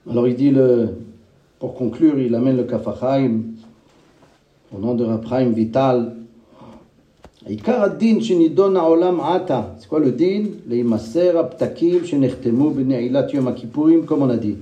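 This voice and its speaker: A man giving a sermon. He swings between high chanted calls and low murmured asides, and he chants Hebrew and Aramaic phrases in a sing-song. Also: a little slow, echoey room, distant mic, dull audio. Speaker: rabbi.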